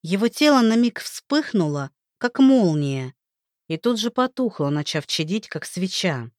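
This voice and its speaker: A woman narrating a fantasy story aloud in a steady storytelling manner. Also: mid-range voice, measured pace, no echo, clean studio sound.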